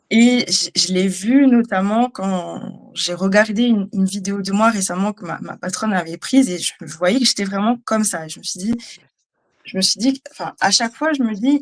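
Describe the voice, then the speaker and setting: A woman giving a personal testimony, speaking in a hesitant, halting way with many fillers. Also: medium pitch. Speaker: guest, trainee.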